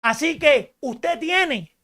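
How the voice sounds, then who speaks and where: A woman preaching a radio sermon in an emphatic style, rising to shouts and asking rhetorical questions. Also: high-pitched, expressive, extremely slow.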